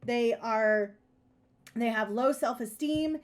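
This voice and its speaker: A woman's voice: fairly high pitch, takes it slowly. A woman co-hosting a casual chat show, giving emphatic advice and repeating her key points. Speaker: podcast co-host.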